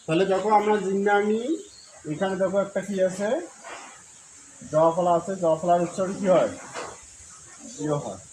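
A man with a Bengali accent teaching Sanskrit pronunciation, asking questions and answering them himself, then chanting verses slowly in a long, drawn-out melody. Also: high-pitched, darkish tone, reverberant, a little hiss or hum, poor audio. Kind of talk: recorded Gita recitation lesson.

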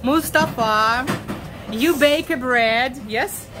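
A Russian woman with a Russian accent vlogging while walking through a fish market, chatting with sellers in halting English with many fillers. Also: sits high, background noise. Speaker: travel vlogger. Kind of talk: casual walking vlog. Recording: busy crowded market in the background. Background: market crowd.

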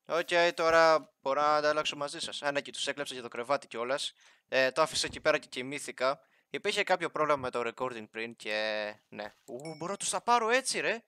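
A man's voice: fairly high pitch, expressive, pushed and bright, clean tone, dry recording. A young man casually commentating his Minecraft playthrough, chatting and joking with the villagers and animals in the game. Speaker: gaming YouTuber.

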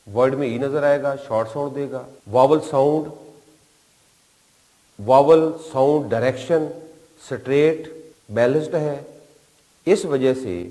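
A man's voice: medium pitch, warm tone. A man from Pakistan with a Pakistani accent, teaching a shorthand class at a board, explaining patiently step by step and repeating key terms. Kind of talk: board lecture. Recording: long reverb in a hall-like room.

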